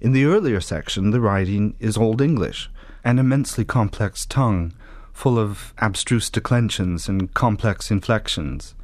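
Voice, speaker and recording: A man giving scripted documentary narration in a measured, precise, explanatory way. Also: fairly low pitch, a little mellow, no echo.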